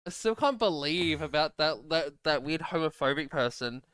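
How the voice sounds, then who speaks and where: A young man streaming a game, chatting casually, often laughing and breaking into frustrated shouts. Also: fairly high pitch, animated, moderate pace, smooth, dry recording, studio quality. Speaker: gaming streamer. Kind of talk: casual gaming chat.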